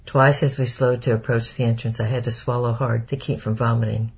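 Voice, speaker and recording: A man reading a first-person story aloud in a steady, measured narration. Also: mid-range voice, breathy edge. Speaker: audiobook narrator.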